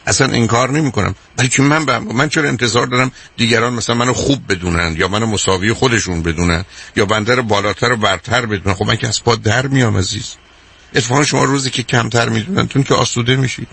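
A man's voice: mid-range voice, creaky, fairly bright tone, slight background noise. An older man hosting a radio call-in advice show, talking emphatically and repeating his points, calling the caller dear.

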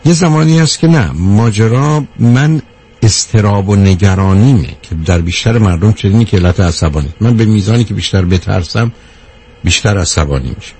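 A man giving a measured talk to a live audience, counting off his points one by one and answering a question from the room. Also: on the low side, a little mellow, slightly rough. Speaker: speaker on anger management.

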